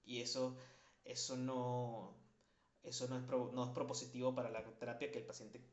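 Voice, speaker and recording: A man's voice: medium pitch, little pitch movement, normal speed. Candid man lecturing in an echoey room. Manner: candid, conversational, frequent self-corrections and restarts. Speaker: psychology lecturer. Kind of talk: spoken class lecture. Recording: roomy, dull lo-fi recording.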